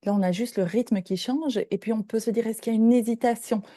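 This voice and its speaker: A woman's voice: a little high, fairly even intonation, fairly quick, dark tone, no room sound, studio quality. An older woman from Belgium, a professor giving a lecture and explaining points step by step, often checking in with her listeners. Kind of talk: lecture presentation.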